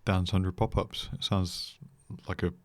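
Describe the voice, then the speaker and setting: A young British man chatting as a podcast guest, dry and joking in a deadpan way. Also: sits low, a little slow, dry recording. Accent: British English. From Britain. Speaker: podcast guest, creative director. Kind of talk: casual chat.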